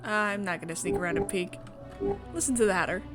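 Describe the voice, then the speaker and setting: A woman speaking fast at a medium pitch reads story narration aloud from a visual novel during a casual playthrough, with loud music playing over her. She is a visual novel reader and streamer.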